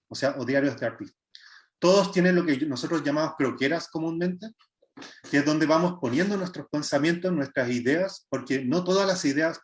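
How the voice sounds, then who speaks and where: A man in his thirties with a Chilean accent, a visual artist giving an online workshop and talking in a hesitant way, with many filler sounds and restarts. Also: fairly high pitch. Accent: Chilean Spanish. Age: 30s. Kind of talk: online art workshop presentation.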